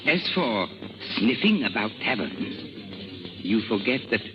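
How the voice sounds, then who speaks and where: A man's voice: on the low side, big pitch swings, a little slow. An actor playing a wry, crafty king of France in disguise, with theatrical delivery in 1930s radio drama style. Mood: sly, musing. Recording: muffled 1930s radio broadcast with music.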